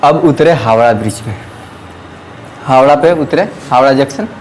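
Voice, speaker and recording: A young man telling a comic story at a live event. He tells it with animated energy and acts out the dialogue. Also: mid-range voice, moderate pace, slight background noise, poor audio. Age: young adult. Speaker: student performer. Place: indoor celebration event.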